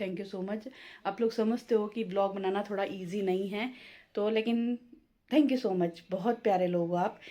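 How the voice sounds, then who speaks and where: Lady vlogging, homey chatty storytelling, soft mellow tone, middle pitch. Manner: chatty and homely, peppering speech with "na" and "matlab". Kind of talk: casual storytelling vlog.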